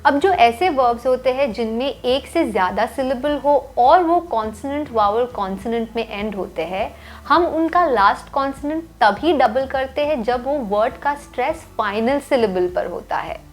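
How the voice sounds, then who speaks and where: A woman teaching English grammar rules in a clear, step-by-step way. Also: sits high, lively intonation, normal speed. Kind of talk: scripted lesson voice-over. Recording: faint music behind.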